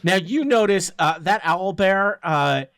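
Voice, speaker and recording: A man's voice: sits high, expressive, a little slow, a bit bright, clear, resonant tone, dry recording. Man game-mastering in a dry, close recording. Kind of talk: improvised tabletop game narration.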